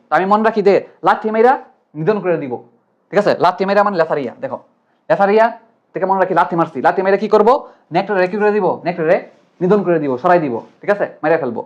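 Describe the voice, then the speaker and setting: A young man teaching an online exam-prep lecture, chatty and playful, always checking "right?" and building memory tricks. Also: high voice. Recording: dull lo-fi sound.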